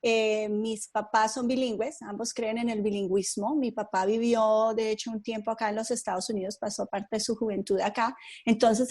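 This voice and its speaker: A woman from Colombia, a podcast guest, telling her story in an unhurried, thoughtful way with frequent fillers. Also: on the high side, a little mellow. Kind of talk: conversational interview.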